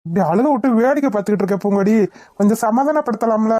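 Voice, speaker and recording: Woman doing a practical cartoon husband, quick and matter-of-fact. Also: on the high side, warm tone, no echo, studio quality, lightly acted. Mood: brisk. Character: middle-aged husband, practical and brisk. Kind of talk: cartoon voice acting.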